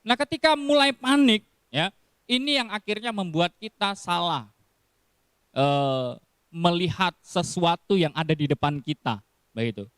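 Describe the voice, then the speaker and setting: A man's voice: high-pitched, expressive, unhurried, fairly bright tone, clear, resonant tone, no echo, clean studio sound. A man giving a casual sermon in style, telling stories with acted quotes and frequent laughs. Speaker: preacher.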